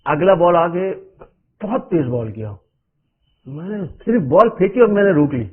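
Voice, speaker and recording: A man's voice: sits high, expressive, breathy edge. A middle-aged man from Pakistan, a cricketer guest telling stories in loose, run-on sentences and chuckling often. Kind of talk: anecdotal interview storytelling. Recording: narrow phone-like radio audio.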